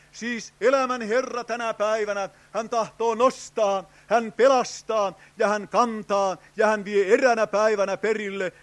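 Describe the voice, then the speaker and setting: An older man preaching an evangelistic sermon at a tent revival, fervent and pleading, crying out "oh" and calling to his friends. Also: sits high. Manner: fervent, with frequent drawn-out "oh" cries and direct appeals to "friends".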